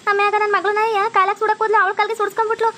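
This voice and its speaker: A woman's voice: extremely high pitch, level tone, rapid-fire, pushed and bright, slight background noise. A woman voicing a scheming, spiteful old mother-in-law with a North Karnataka Kannada accent, gloating and repeating her words. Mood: complaining. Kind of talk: cartoon comedy voice acting.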